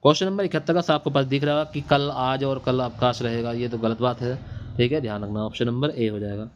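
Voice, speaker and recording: A man's voice: medium pitch, quick pace, muffled recording. Man drilling exam answers, repetitive. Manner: repetitive, drilling answers with quiz-back questions. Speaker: teacher. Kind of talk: exam-prep Hindi lesson. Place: classroom or home studio at night. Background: faint hiss of a machine running nearby.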